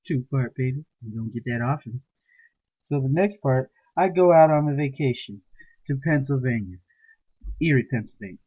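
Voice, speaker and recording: A man's voice: mid-range voice, animated, moderate pace, breathy edge. A man telling comic stories as a profane, mocking rant. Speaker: storyteller. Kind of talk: comedic ranting monologue. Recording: tinny phone-like recording.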